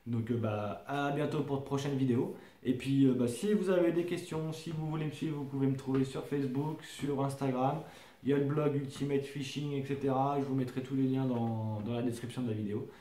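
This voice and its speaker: A man's voice: medium pitch, steady tone, a little fast, dark tone. A man from France casually presenting his fishing lures to camera, hesitant, with many fillers and restarts. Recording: echoey room.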